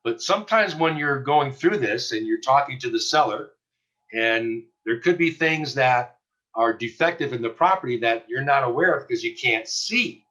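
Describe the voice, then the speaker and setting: A man's voice: medium pitch, lively intonation, moderate pace, sharp tone, dull audio. A man teaching a real estate class in a conversational way, with fillers and restarts. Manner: conversational, acts out little dialogues with fillers and restarts. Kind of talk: recorded class lecture.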